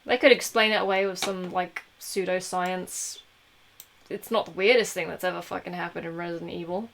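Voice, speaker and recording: A woman in a casual stream chat, animated and swearing casually. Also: lowish voice, a little fast, vocal fry, a little hiss or hum.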